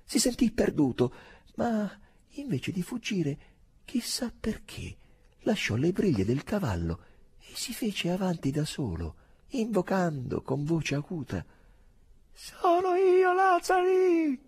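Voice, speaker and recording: A man reading a novel aloud as an expressive, dramatic audiobook narration. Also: on the high side, unhurried, breathy edge. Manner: expressive, wide-ranging delivery. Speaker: audiobook reader.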